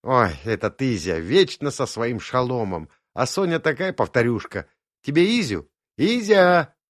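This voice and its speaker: A man's voice: mid-range voice, sing-song, moderate pace, no room sound, studio quality, lightly acted. A man voicing a chatty, cheerful woman in an audiobook, with fussy sing-song exclamations.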